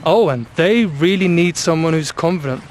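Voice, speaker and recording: A man hosting a spiritual vlog, speaking in slow, emphatic, commanding declarations, recorded outdoors in the countryside. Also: fairly high pitch, slight background noise. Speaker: channel host.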